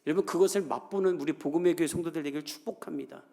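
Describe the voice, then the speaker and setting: A male pastor delivers a Sunday sermon in a somewhat high voice. He talks to the congregation in a chatty way, acts out the voices he quotes, and climbs to emphatic peaks. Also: very fast, creaky, dark tone. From South Korea.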